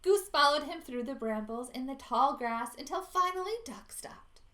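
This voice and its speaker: At a library storytime, a woman reads a picture book aloud to young children, expressive and full of dramatic asides. Her voice is high-pitched and her pace normal.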